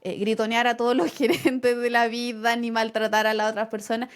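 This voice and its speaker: Here a young Chilean podcast co-host recounts something from her own life, performing the quoted lines with laughter and plenty of animation. Her voice is a little high, clear and resonant, and her pace is brisk.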